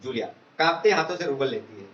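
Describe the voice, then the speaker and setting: A man's voice: mid-range voice, animated, quick pace, a bit bright. A male teacher giving a literature lesson in an online class. He reads a play aloud and explains the meanings of words. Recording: echoey room, dull lo-fi sound.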